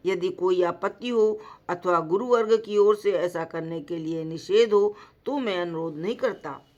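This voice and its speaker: A woman voicing a humble, inquiring elderly male holy man in a slowly read devotional story. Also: fairly low pitch, darkish tone, highs cut off, lightly acted. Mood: earnest. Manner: slow, measured reading voice.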